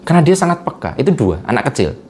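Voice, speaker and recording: A man's voice: mid-range voice, big pitch swings, fast talker, darkish tone, slight background noise. A man in a casual interview, explaining with everyday examples and chuckling often. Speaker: guest speaker on vibration and energy.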